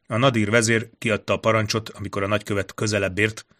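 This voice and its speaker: Man, audiobook narrator, steady storytelling, forceful bright tone. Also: lowish voice.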